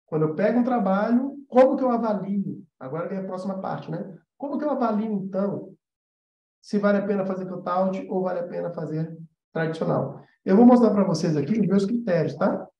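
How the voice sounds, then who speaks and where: An animation teacher with a Brazilian Portuguese accent gives an informal live-stream lesson, explaining emphatically and repeating points to drive them home. His voice is high-pitched and expressive, moving fairly quickly. The sound is somewhat dull with a roomy echo.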